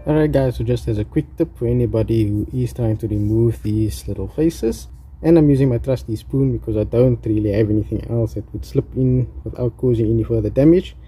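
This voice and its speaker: In a relaxed, hands-on DIY installation video, a South African man chats informally with viewers he calls "guys." His medium-pitched voice is warm and slightly rough, moving a little fast, over soft background music.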